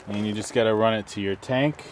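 A middle-aged camping vlogger stands by a vehicle in sunny woods, casually walking through a product setup step by step while handling gear. His voice is on the low side, fairly even, and brisk, with slight background noise.

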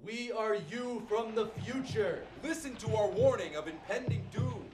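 Men putting on shrill, shouting future selves who bellow warnings of doom in a very high pitch. They sound far from the mic in an echoey room, with loud music over them. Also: male voice, normal speed, close to an everyday voice. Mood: ominous shouting.

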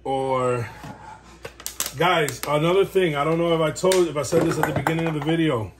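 A man's voice: on the high side, normal speed. Chatty man in a noisy home video. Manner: rambling and chatty, talks while working. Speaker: dog breeder. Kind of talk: casual how-to vlog.

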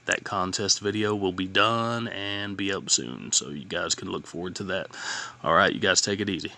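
A man's voice: deep voice, moderate pace, gravelly, bright, forceful tone. A man casually hosting a vlog for followers, informal and repetitive, speaking a little oddly with a sore, healing tongue. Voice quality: slightly impaired speech from a sore, healing tongue. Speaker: host of a fan contest channel. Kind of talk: casual vlog talk, reading standings and chatting to followers.

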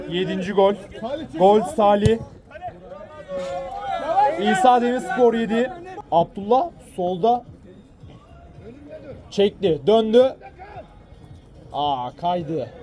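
A man giving excited, exclamatory live football commentary, often repeating phrases and players' names. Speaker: match commentator. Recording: loud crowd behind, outdoor match. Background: cheering crowd at an outdoor pitch.

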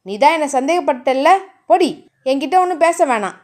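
A woman's voice: sits high, lively intonation, fairly quick, darkish tone. A woman voicing a short-tempered young male hero in a storybook romance, brusque and scolding. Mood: angry.

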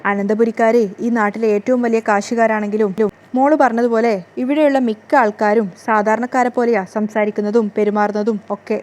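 A woman's voice: fairly high pitch, fairly even intonation, fairly quick, few pauses, darkish tone, lightly acted. A woman voicing a scheming, spiteful middle-aged mother who dotes on her daughter, in a plain reading voice. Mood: doting.

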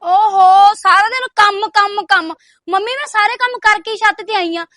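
A very high, bright young woman, played by an actress, who talks back with bold, teasing sass. She sounds defiant and quick to argue in a short drama, with faint music underneath. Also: no room sound. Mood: complaining. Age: young adult. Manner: sassy, argumentative. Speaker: teenage daughter. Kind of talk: short film dialogue.

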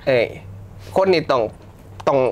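A young man with an Isan accent, a film director guest chatting casually in an interview, relaxed, laughing easily and swearing now and then. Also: measured pace.

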